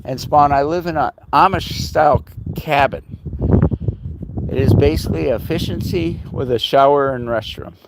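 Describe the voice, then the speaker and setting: A man's voice: fairly high pitch, normal speed, heavy background noise. A man chatting casually on a livestream outdoors in the snow at his rural home, talking to viewers and his dogs. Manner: chatty, talks to his dogs in a raised playful voice. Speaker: livestreamer and dog owner.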